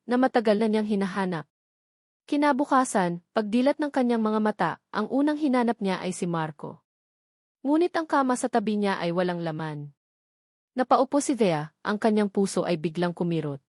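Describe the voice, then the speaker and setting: In a clean studio recording with no room sound, a woman with a Filipino accent narrates a scripted romance story. Her voice is medium-pitched and a little mellow, and she tells the tale dramatically.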